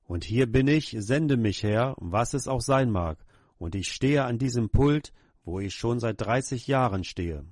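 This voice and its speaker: A man's voice: mid-range voice, lively intonation, unhurried, darkish tone, no echo. Middle-aged male preacher, earnest pleading prayer, plain mid voice, dry close mic. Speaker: pastor. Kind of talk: sermon prayer.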